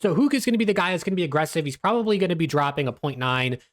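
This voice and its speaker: A man with a slightly high voice hosts a casual esports recap. His speech is a little restricted, as he has stitches in his mouth after dental surgery. He talks through team form and player numbers in an informal commentary style. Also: animated, very fast. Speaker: esports recap video host. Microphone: webcam video setup.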